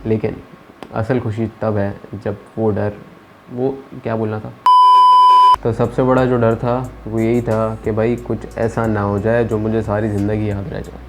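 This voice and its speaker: A man's voice: on the low side, level tone, measured pace, background noise. Young man telling a nervous-story vlog. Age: young adult. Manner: conversational, self-described introvert, mixes in English phrases. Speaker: vlogger. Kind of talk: reflective storytelling.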